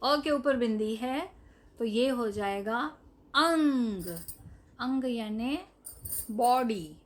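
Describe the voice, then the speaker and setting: A woman teaching Hindi to young children in a recorded lesson, saying each word slowly, repeating it and explaining what it means. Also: fairly high pitch. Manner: slow, drawn-out, repeats each word and its meaning; addresses the children directly, asking them to say the word. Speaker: primary school Hindi teacher.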